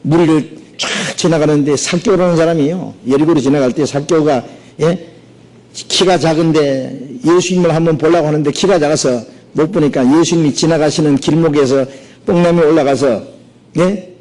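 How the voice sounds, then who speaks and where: A male pastor preaching a sermon, animated and often checking in with his listeners through quick rhetorical asides. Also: a little high, low-quality recording. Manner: animated, peppers talk with rhetorical "예?".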